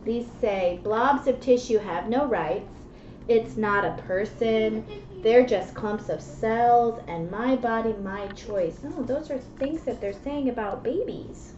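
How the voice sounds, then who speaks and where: This is a mother in her thirties who presents children's read-alouds, sharing a picture book with a small child in a small classroom indoors, using simple language and often asking questions to check in. She speaks slowly, her voice on the high side with a darkish tone. The webcam sound is muffled, echoey and noisy.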